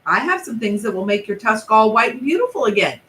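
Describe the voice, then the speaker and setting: A woman voicing a polite, quick-witted man in a children's story, eager and placating. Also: a little high, very animated, bright, forceful tone, slight background noise. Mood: coaxing. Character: polite clever man, the narrator's father. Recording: echoey room.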